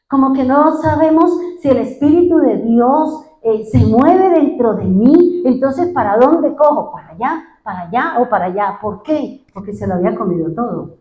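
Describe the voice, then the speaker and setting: A woman's voice: a little high, expressive, normal speed, echoey room, narrow, tinny audio. A woman pastor preaching a sermon, firing off rhetorical questions.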